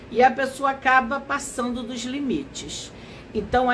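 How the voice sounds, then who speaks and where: A woman's voice: a little high, slight background noise, rough recording. A woman, a therapist hosting a casual live stream, her voice nasal and stuffy from allergies. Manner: slow, unhurried, explanatory.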